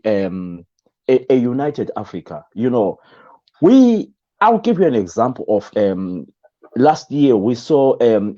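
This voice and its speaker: A man from Zimbabwe speaks as an interview guest, his voice dark and mellow. He pauses often, restarting his sentences with fillers. The audio sounds dull and lo-fi, like a remote call. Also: medium pitch. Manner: hesitant, many fillers and restarts. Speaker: guest, radio presenter. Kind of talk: interview conversation.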